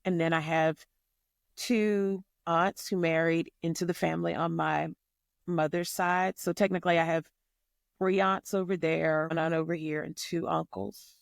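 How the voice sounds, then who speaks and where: A woman's voice: low-pitched, steady tone, moderate pace, gravelly, no echo, clean studio sound. A middle-aged woman co-hosting a podcast, telling stories with slangy phrasing and emphatic repeats. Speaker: podcast co-host. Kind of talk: casual chat.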